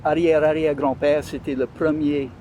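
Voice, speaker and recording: A man's voice: a little high, little pitch movement, moderate pace, dark tone, a little hiss or hum, low-quality recording. A man with a Louisiana French accent talking in an interview, hesitating often as he searches for words. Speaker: interview guest. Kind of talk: conversational interview.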